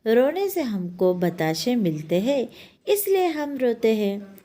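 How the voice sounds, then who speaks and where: A woman's voice: fairly high pitch, sing-song, slow pace, warm tone, pitched above the performer's own voice, full character voice. A woman playing a cheeky innocent boy. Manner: innocent, arguing back. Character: mischievous but innocent young boy.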